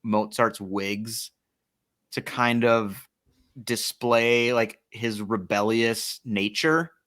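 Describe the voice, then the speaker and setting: A man's voice: fairly low pitch, drawn-out words, a bit bright. A man co-hosting a casual film podcast, talking loosely and filling his thoughts with "like" and "um". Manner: rambling, many likes and ums. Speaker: podcast co-host.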